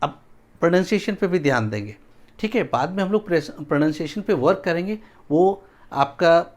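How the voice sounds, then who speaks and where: Slow, lively teacher. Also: male voice, a little high. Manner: drills words syllable by syllable, slow repetitions; keeps checking if students follow. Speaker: English teacher. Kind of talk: spoken English lesson.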